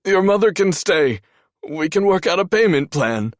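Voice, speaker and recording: A man's voice: low-pitched, a little slow, gravelly, slightly rough, no room sound, studio quality, voice pushed up, heavily acted. A man voicing a smug, greedy and cowardly male doctor in an audiobook, with a sneering, condescending manner. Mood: panicked. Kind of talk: audiobook narration.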